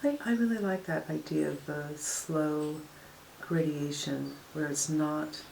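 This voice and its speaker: An older woman with a low-pitched voice talks through a makeup tutorial in a relaxed, conversational way. She judges each product plainly and matter-of-factly. A faint hiss sits under the recording. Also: slow pace, gravelly, rough recording. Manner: frank, matter-of-fact product critique. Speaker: beauty vlogger. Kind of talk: casual makeup tutorial narration.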